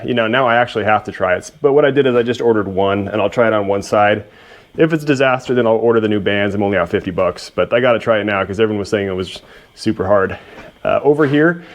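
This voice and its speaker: Man, lowish voice, laid-back, self-deprecating, casual hands-on workshop repair narration. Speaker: host of a machinery repair video.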